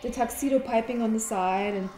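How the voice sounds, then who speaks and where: Her voice is a little high and a little fast, set against a noisy background. She's a young fashion blogger from Munich, Germany, enthusiastically showing her wardrobe in a casual interview with lots of "like" and "you know," recorded in an echoey room with music.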